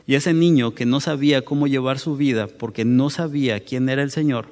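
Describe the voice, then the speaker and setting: A pastor preaching a conversational sermon, acting out churchgoers' excuses in quick asides. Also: male voice, fairly high pitch, in a large hall.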